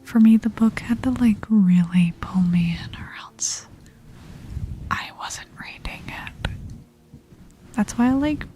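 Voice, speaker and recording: A woman with a fairly high voice streams ASMR, chatting casually with live viewers in a soft, breathy, often whispered murmur. She sounds relaxed, slow and intimate, speaking close to an ASMR microphone while music plays behind her.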